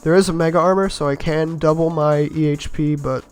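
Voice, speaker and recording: A man with a somewhat high, slightly raspy voice, the rasp from being sick, gives casual voice-over commentary on a game run. Steady, fairly quick and a little mellow, he rambles easily and mocks his own blunders with chuckles, faint game music behind him.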